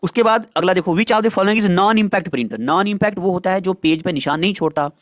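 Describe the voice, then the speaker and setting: A man with a high, light voice gives an exam prep lecture in a chatty way. He asks the class questions and answers them himself. The sound is dry and close, with no room around it. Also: moderate pace, no echo. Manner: chatty, addresses students as dear children, asks and answers own questions. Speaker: teacher.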